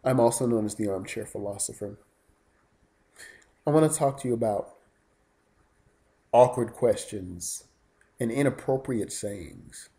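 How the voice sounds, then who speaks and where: A man with a mellow, rather dark voice talks straight into his channel in a casual vlog monologue. He rambles as he tells his stories and takes an indignant, complaining tone. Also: lowish voice, unhurried, gravelly, pauses often. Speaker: YouTube vlogger.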